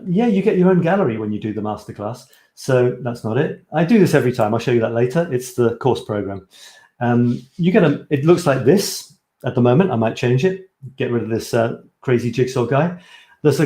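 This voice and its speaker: A man's voice: mid-range voice, dark tone, echoey room. A man from Scotland, a photography coach, presenting his course on a live stream in an eager, chatty way, often correcting himself mid-sentence. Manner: enthusiastic, chatty, self-correcting.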